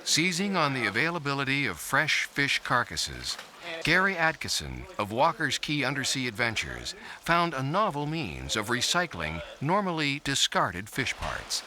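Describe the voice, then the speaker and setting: A man's voice: mid-range voice, wildly swooping pitch, normal speed. A man reading scripted narration for a nature documentary. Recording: narration over music bed. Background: music.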